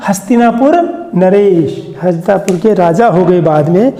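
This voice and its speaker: A man teaching pupils a lesson, asking questions and sounding out words slowly syllable by syllable. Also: sits high, warm tone, roomy sound, in a large hall. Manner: slow, syllable-by-syllable pronunciation drills; asks questions and repeats the answer. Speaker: school teacher.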